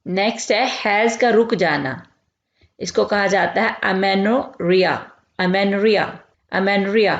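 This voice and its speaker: A woman teaching medical vocabulary, repeating each term slowly and clearly. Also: medium pitch. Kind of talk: vocabulary lesson. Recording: echoey, dull lo-fi room recording.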